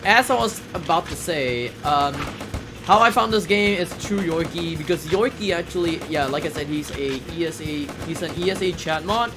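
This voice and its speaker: Loud game music plays behind a speedrunner whose fairly high voice moves at normal speed. He talks through the run in a chatty, casual way, going over the same points more than once.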